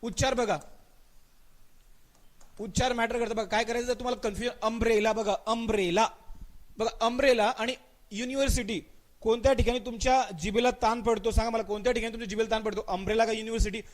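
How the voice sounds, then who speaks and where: A man with a Marathi accent teaching an English grammar exam-prep class live online. He calls on students by name, repeats his questions and answers, and drags out the example sentences slowly. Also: very high-pitched, steady tone. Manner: mixes English words into his speech, stretches out spoken example sentences.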